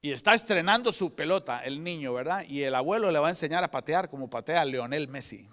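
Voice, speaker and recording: Older man preaching fervently, high voice. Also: animated, brisk. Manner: fervent preaching, swings from loud proclamation to hushed whispers. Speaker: pastor. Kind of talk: sermon. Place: church sanctuary. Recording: church hall with long reverb.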